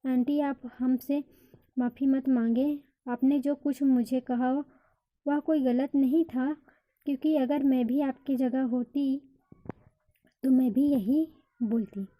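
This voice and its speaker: A woman voicing a gentle, forgiving young woman. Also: sits high, steady tone, slow pace, rough recording.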